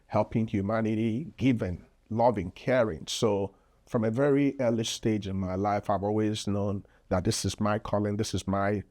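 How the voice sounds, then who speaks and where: His voice is fairly low, steady in tone and slightly mellow, moving at a moderate pace. A Nigerian physician with a Nigerian accent, he's a podcast guest explaining earnestly in a casual interview, dropping frequent fillers.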